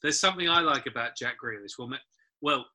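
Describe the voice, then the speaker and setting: Male podcaster, very bright, tense tone, amused storyteller. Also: medium pitch, expressive, fast talker. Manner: amused storyteller, laughs while talking. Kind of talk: casual football chat.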